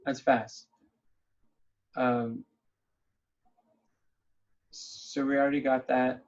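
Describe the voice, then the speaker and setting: Leading a relaxed planning session over a video call, a man thinks out loud in an upbeat, easygoing way. He speaks very slowly at an ordinary middle pitch, and the call audio sounds dull and lo-fi.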